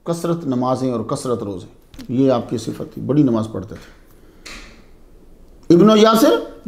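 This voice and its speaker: A man's voice: mid-range voice, darkish tone, reverberant. A man giving a religious lecture to students, asking rhetorical questions and then answering them, and repeating key terms to explain them. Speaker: religious teacher.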